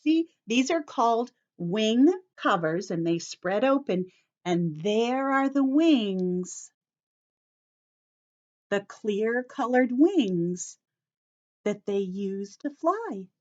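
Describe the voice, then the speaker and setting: This children's teacher, a slow and expressive woman, reads a picture book aloud to young children and explains it. She speaks to them directly in short, simple phrases with careful emphasis, in a voice that sits a little high, and the sound is lo-fi.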